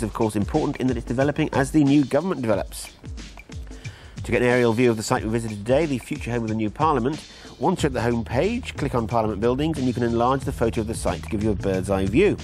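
A man's voice: medium pitch, darkish tone. A middle-aged man presenting a TV documentary outdoors, talking to camera with wry, jokey asides. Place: outdoors by a brick building, sitting with a laptop.

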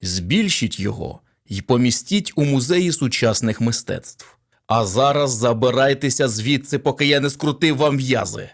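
A man's voice: medium pitch, animated, normal speed, creaky. A man voicing a sarcastic, tough male doctor.

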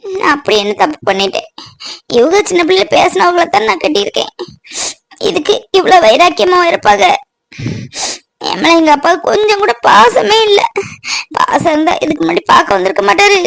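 A woman's voice: on the high side, fairly bright tone, no echo, natural voice. A woman voicing a homesick young wife in a cartoon, speaking in a way, pleading and tearful, then brushing it off. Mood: sad. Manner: emotional, pleading, then covering up with brisk denials. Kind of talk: cartoon voice acting.

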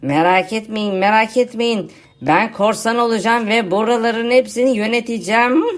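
Fretful zombie hoarding treasure, video game ; woman voicing it, high pitch. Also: normal speed, lightly acted. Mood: boastful. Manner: fretful, talking to itself in first person.

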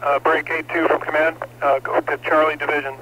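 Over crackling two-way fire radio, a man's slightly high voice barks short, urgent commands in a tight, even range, broken up by hesitant "uh" pauses. He's running the fire scene, and the noisy, band-limited transmission is filled with static and clicks.

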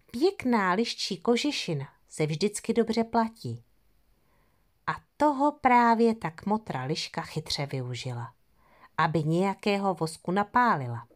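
A woman's voice: medium pitch, natural voice. A woman voicing a hunter father telling a fox story to his young son in an audio fairy tale.

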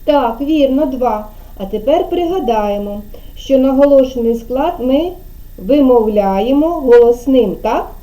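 A woman's voice: sits high, animated, measured pace, mellow. A woman kindergarten teacher giving an online speech lesson to a child over a video call, patiently drawing out syllables and prompting.

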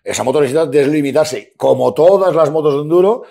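A man's voice: on the high side, fast, vocal fry, warm tone. A man co-hosting a casual motorcycle chat, joking and swearing casually as he talks. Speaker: motorcycle shop co-host.

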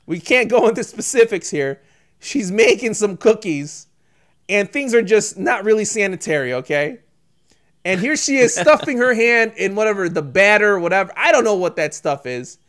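A man's voice: sits high, moderate pace. Man ranting animatedly on a podcast. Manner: rambling, animated rants with sudden loud outbursts and laughter. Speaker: podcast co-host. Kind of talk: casual chat.

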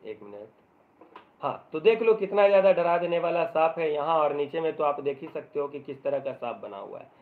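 A male teacher giving a live online English lesson in Hindi, joking as he explains and reading the English passages aloud very slowly. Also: on the high side, lively intonation. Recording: tinny phone-like audio.

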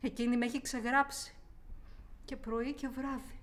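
A woman's voice: fairly high pitch, little pitch movement, lightly acted. An actress performing a theatrical monologue as a young woman haunted by childhood abuse, repeating words obsessively and swinging between whispers and outbursts. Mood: bitter. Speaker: actor.

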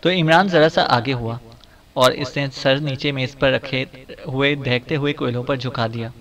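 A male audiobook narrator reading a novel in a steady, even storytelling delivery. His voice sits at a middling pitch and moves evenly through the scripted narration. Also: normal speed.

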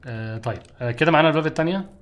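A young man with an Egyptian Arabic accent giving casual, jokey commentary while he streams a game, with loud outbursts at scares. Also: fairly high pitch, rapid-fire, highs cut off. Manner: jokey, exclaims loudly at scares.

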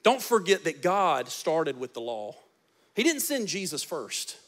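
This sermon comes from a pastor in his forties holding a handheld mic on a big church stage. He speaks at a measured pace in a sing-song manner, shifting from loud emphasis to soft, low passages.

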